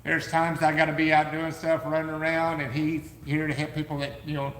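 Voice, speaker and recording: A man co-hosting a live podcast from a warehouse, pitching his gear with eager, salesman-like energy, his voice going hoarse. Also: completely flat delivery, brisk, fairly bright tone, echoey room, long reverb tail, a little hiss or hum, rough recording. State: losing his voice. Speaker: podcast co-host, business owner. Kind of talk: casual live podcast chat.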